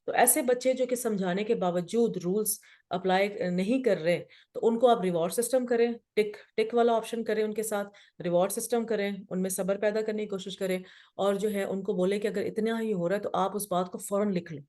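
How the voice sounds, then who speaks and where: A woman's voice: medium pitch, steady tone, mellow. A middle-aged woman, hosting a casual group talk on parenting. She explains with personal stories and slips in English phrases.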